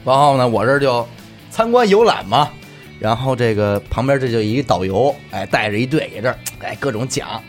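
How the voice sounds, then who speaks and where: A man's voice: mid-range voice, lively intonation, fairly quick, faint music behind. A man with a Beijing accent telling stories casually and comically, slangy and teasing, often asking rhetorical questions. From Beijing, China. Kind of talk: casual comic storytelling among friends.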